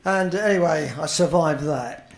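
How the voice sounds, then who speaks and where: A man's voice: a little high, measured pace. Wry man, echoey convention hall. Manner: wry, dry joking storyteller. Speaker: convention guest actor. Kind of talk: humorous anecdote on stage. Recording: echoey hall, faint ambience.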